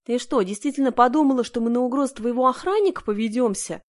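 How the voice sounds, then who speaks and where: A woman reading the lines of a hoarse, brutal male bandit who mocks loudly. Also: fairly high pitch, fast, voice pushed up, close to an everyday voice. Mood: jeering.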